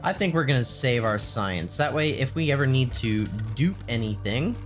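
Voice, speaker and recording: A man hosting a video game let's play, thinking aloud in casual gameplay commentary with lots of pauses. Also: medium pitch, animated. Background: game music.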